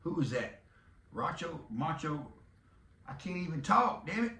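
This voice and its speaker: Gravelly Texan man rambling on a podcast. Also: a little high, big pitch swings, unhurried, sharp tone, recorded from a distance. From Texas. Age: 50s. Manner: rambling, jokey, breaks into hollers. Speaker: podcast host. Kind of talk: casual monologue. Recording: echoey room, off-mic.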